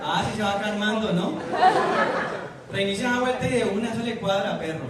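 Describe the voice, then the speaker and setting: Guy doing high chatty call-center dudes on stage, far from the mic, crowd roaring. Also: moderate pace, very noisy, close to an everyday voice. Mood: joking. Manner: playful, mimics callers and regional slang. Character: phone tech support agents, regional characters. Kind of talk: stand-up comedy routine. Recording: live club clip, roomy, distant mic, loud crowd.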